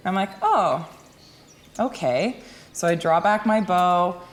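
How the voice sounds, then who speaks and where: A woman's voice: on the low side, steady tone, normal speed. A woman hunter telling a hunting story in a casual way, laughing often.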